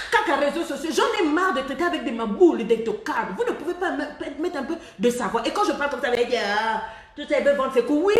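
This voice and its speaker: A middle-aged woman relationship coach giving blunt, mocking advice on a live stream, laughing often mid-sentence and dropping in English phrases. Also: sits high. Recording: roomy echo.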